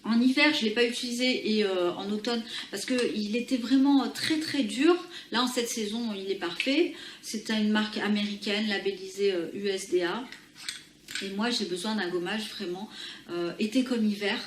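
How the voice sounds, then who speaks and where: A woman talking through her favorite beauty products in a casual vlog, pausing often and restarting her sentences. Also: mid-range voice, background noise. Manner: hesitant, full of pauses and restarts. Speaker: beauty vlogger. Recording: echoey room with faint ambience.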